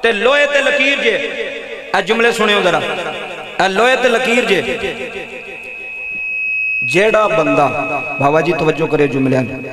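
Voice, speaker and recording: A man's voice: high-pitched, measured pace, long pauses, reverberant. A man preaching an emotional sermon to a gathering, calling on the listeners to answer him. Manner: impassioned, calls on the audience to answer. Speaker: Islamic preacher. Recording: live event with crowd noise.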